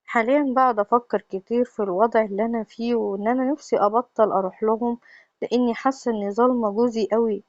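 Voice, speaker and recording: A woman with an Egyptian accent telling a first-person confessional story in a steady, plain way. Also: fairly high pitch, rapid-fire, no echo, dull audio. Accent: Egyptian Arabic.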